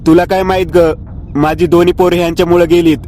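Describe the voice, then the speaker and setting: A man's voice: fairly high pitch, fairly even intonation, moderate pace, darkish tone, slight background noise, close to an everyday voice. A man voicing a bitter, grieving old grandmother who growls and weeps her accusations. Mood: tearful.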